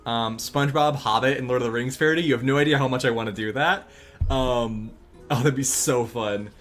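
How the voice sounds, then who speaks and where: Male streamer, easygoing and chatty, mid-pitched voice, faint music underneath; casual drawing-stream talk. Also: fairly quick. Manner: relaxed, rambling, thinks aloud with frequent ums and laughs. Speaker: streamer and animator. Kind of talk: casual chat while drawing on a livestream.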